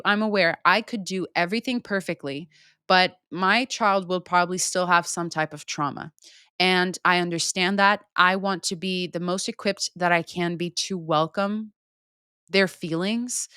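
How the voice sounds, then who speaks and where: A woman's voice: on the low side, a bit bright, clean tone, no echo, clean studio sound. A young woman speaking in a casual, candid monologue as a podcast host, unfiltered and swearing casually. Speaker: podcast host answering listener questions.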